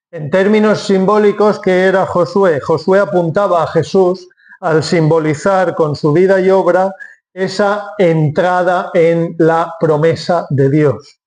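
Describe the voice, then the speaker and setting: A man's voice: sits high, a little mellow. A man preaching a sermon from Spain, explaining step by step and asking then answering his own questions.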